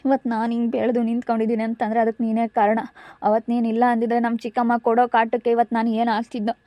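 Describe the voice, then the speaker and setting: A woman's voice: fairly high pitch, mellow, dry recording, close to an everyday voice. A woman with a rural central Karnataka Kannada accent playing a devoted younger sister who pleads insistently with her crying elder sister, in an amateur village drama.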